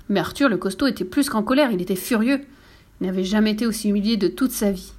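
A woman narrating a children's storybook with a lively, expressive reading. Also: medium pitch.

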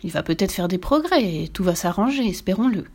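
A woman's voice: medium pitch, big pitch swings, a little fast. A woman voicing a cheerful young countess and mother who speaks in a sweet, coaxing way. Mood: consoling.

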